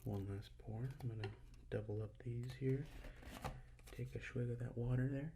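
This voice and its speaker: A man's voice: mid-range voice, steady tone, normal speed, creaky. A man doing casual ASMR banter close to the ear into binaural mics, hesitant and rambling as he talks to viewers. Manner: hesitant, rambling, loses his thread. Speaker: ASMR video creator. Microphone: binaural in-ear mics set in a styrofoam mannequin head. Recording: loud noise, clicks, handling sounds.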